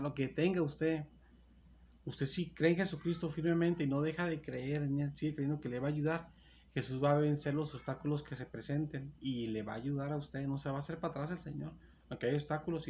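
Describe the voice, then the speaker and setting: A man's voice: a little high, darkish tone, slight background noise. A man preaching a sermon, reading Bible verses aloud and retelling them in earnest, repetitive phrases, often correcting himself. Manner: reads scripture aloud, then retells it.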